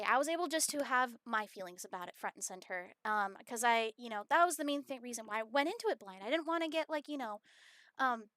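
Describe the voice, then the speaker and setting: A woman live-streams a game, chatting casually and rambling with lots of fillers, now and then breaking into excited, squealing greetings to her chat. Her voice sits high, and the studio-quality recording has no room sound.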